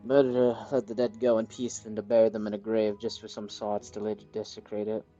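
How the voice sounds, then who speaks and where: A man voicing a gruff, scornful young man with a Southern US accent, speaking bluntly and dismissively. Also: fairly low pitch, flat delivery, brisk, warm tone, muffled recording, faint music behind, close to an everyday voice.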